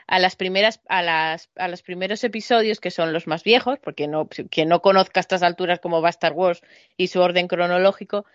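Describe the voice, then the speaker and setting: A woman's voice: lowish voice, steady tone, fairly quick, no echo, lo-fi sound. A woman chatting casually as a co-host, joking and hesitant, with lots of fillers and restarts. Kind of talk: casual chat.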